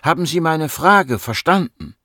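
A man's voice: fairly high pitch, animated, unhurried, bright, forceful tone, dry recording, studio quality, voice pushed up, exaggerated voice. A man reading a patient, composed female psychiatrist in her fifties, raising his voice to play her. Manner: patient, firm, soothing.

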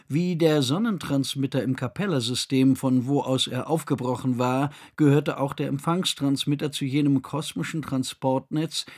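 A man reading a science fiction audiobook in an even, measured way. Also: mid-range voice, husky. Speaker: narrator. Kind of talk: scripted audiobook narration.

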